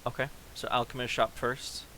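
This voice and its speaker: A man narrating a tabletop role-playing game as game master, in a halting, unhurried way. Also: medium pitch, little pitch movement, bright, forceful tone, slight background noise, low-quality recording. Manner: slow, halting narration with pauses.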